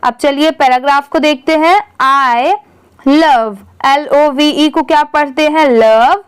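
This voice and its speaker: A woman's voice: high-pitched, steady tone. A woman teaching English reading, spelling words out letter by letter and answering her own questions patiently. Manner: patient, asks questions and answers them herself; reads English sentences very slowly, word by word.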